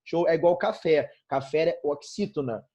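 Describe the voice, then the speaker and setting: Husky-voiced, upbeat Brazilian male teacher. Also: on the high side, normal speed, warm tone, muffled recording. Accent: Brazilian Portuguese. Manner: upbeat, checks in constantly with "show?" and "tranquilo?"; addresses students familiarly as "irmão" and "galerinha". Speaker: Portuguese teacher. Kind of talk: grammar lesson.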